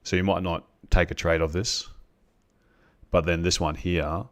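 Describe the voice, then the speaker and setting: A man on a live trading stream, explaining chart setups to viewers in a halting way, with many restarts and ums. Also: deep voice, little pitch movement.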